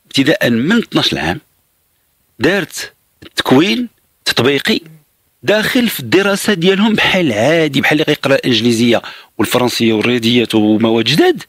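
A man's voice: mid-range voice, very animated, fast, a bit bright, no echo, studio quality. A Moroccan man hosting a radio call-in show, explaining options to a caller in a patient, reassuring way. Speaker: radio advice host.

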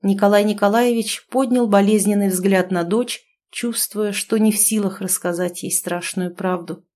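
A woman narrating a novel in an even, expressive audiobook reading. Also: medium pitch, normal speed.

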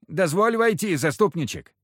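A man's voice: high-pitched, animated, normal speed, a bit bright, no echo, clean studio sound, voice pushed up. A man doing a whining timid peasant. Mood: pleading. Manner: whining, pleading.

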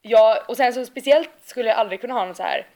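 Brief: young woman co-host, Gothenburg accent, high-ish voice, giggly and animated. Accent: Gothenburg Swedish. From Gothenburg, Sweden. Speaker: podcast co-host. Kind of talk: casual chat.

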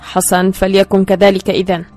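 A woman reading the part of a middle-aged man who speaks with calm assurance. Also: mid-range voice, moderate pace, soft background music, natural voice. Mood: assured. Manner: assured, firm.

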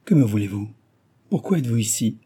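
A man's voice: lowish voice, lively intonation, brisk, dark tone, breathy edge. A man voicing a frightened but defiant young woman, indignant and crying out in terror. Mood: uneasy.

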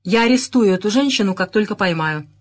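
A woman voicing a gruff, shouting police inspector. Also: medium pitch, lively intonation, a little fast, natural voice. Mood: commanding. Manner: barking, shouting orders. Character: irate male police inspector, gruff and commanding.

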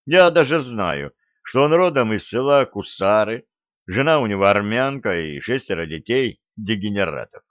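A man's voice: lowish voice, animated, moderate pace, fairly bright tone, no room sound, highs cut off. A man voicing a brash, mocking special-forces commander in an audiobook reading. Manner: scornful, provoking.

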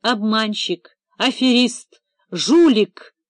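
A woman doing a theatrical middle-aged office manager in an audiobook, indignant and excitable, voice shaking. The sound is dry and close, with no room around it. His pitch jumps higher whenever he protests. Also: a little slow, dry recording. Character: nervous, theatrical middle-aged male administrator. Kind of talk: audiobook character reading.

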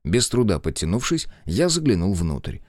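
A man's voice: on the low side, very animated, moderate pace, darkish tone, no echo, clean studio sound. A man narrating a first-person action story as an audiobook, telling it dramatically.

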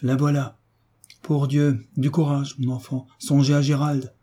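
A man's voice: on the low side, steady tone, moderate pace, warm tone, husky. A man voicing an older hunchbacked marquis in an audiobook reading, earnest and urging. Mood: urgent.

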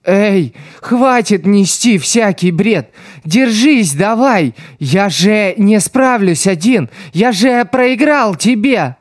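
Man voicing a frantic young street boy, high and pleading. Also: big pitch swings, no room sound, studio quality, heavily acted. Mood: desperate. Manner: crying out, pleading, drawn-out shouts. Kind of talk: audiobook reading.

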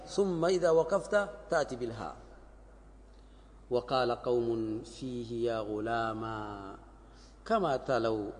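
A sheikh teaching classical Arabic grammar in a lesson. He repeats words and examples slowly for his students. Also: medium pitch, darkish tone, a little hiss or hum. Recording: long hall reverb.

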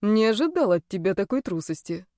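A woman's voice: medium pitch, sing-song, brisk, warm tone, dry recording, lightly acted. Concerned young man, voiced by a woman, insistent, close dry storybook read. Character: young man, worried friend.

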